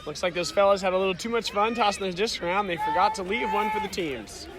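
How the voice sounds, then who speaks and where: A man from North Carolina doing relaxed, joking play-by-play commentary outdoors at a sports field. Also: high-pitched, fast. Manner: jokey, relaxed banter. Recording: loud outdoor crowd. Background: crowd noise.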